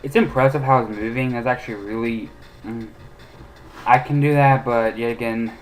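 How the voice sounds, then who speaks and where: A man of middle pitch chatting casually over gameplay in rambling, opinionated asides. He stalls often on fillers before finishing a thought. Faint game music sits quietly under his voice. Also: fairly even intonation, moderate pace, rough recording. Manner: rambling, opinionated, frequent hesitations. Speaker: let's play host.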